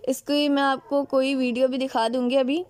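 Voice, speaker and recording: A high-voiced woman teaches biology with a Pakistani Urdu accent. She explains step by step, keeps asking questions and answering them herself, and switches into English terms. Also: little pitch movement, moderate pace, darkish tone. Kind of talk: classroom biology lecture.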